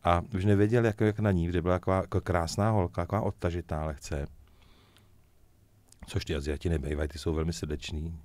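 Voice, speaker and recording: Middle-aged guy with a really deep voice, musician on an interview, jokey storyteller. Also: dry recording. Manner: lively joking storyteller, chuckles often. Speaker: musician guest. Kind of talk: casual interview chat.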